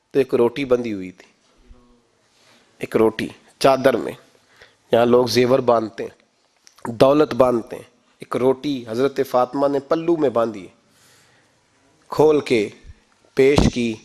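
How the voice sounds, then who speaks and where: A man preaching a sermon, passionate, asking the listeners rhetorical questions and rising sharply in force. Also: a little mellow. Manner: impassioned, rhetorical questions, sudden rises in pitch and force.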